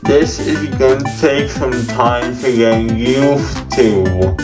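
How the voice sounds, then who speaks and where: A man's voice: medium pitch, loud music behind the voice. Groggy, muffled man just out of anesthesia. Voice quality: muffled, numb-mouthed speech with gauze in mouth. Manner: groggy from anesthesia, half awake and slow. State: dizzy and drowsy after surgery. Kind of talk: casual vlog to camera.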